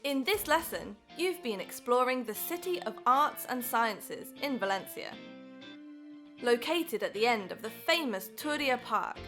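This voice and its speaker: A woman's voice: a little high, pushed and bright. A woman narrating a language course in an upbeat, encouraging scripted style.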